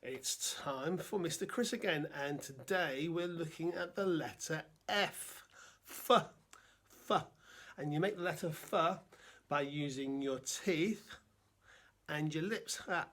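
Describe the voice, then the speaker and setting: A man presenting a gentle lesson for under-fives, unhurried and halting with little fillers. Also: a little high. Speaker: children's presenter.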